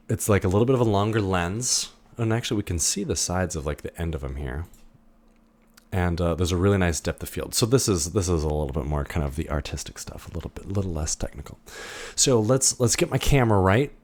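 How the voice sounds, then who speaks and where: A man records a casual software tutorial on his screen, thinking aloud with lots of fillers and restarts. His voice is low-pitched, and he speaks briskly and animatedly.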